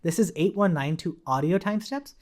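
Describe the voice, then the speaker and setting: This programming tutorial instructor has a high-sitting, slightly mellow voice and speaks at a normal pace. Thinking out loud, he gives a casual, explanatory walkthrough of his code. Behind him you can hear computer keys clicking and a faint hiss of background noise.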